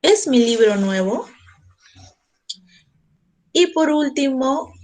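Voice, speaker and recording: A woman English teacher giving a classroom grammar lesson, walking through each step slowly and deliberately. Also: on the high side, fairly bright tone, low-quality recording.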